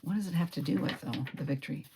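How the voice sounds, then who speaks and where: A woman giving a solo tarot reading, reflective and lingering over each card, sometimes slipping into a breathy whisper. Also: low-pitched, fast talker, background noise. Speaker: tarot reader.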